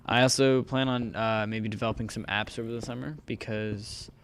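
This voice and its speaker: This gaming channel host is a young man with a lowish, steady voice at normal speed, recording on a desktop mic at home. His gameplay commentary rambles and chats along, often correcting itself mid-sentence. A faint running fan is audible in the background.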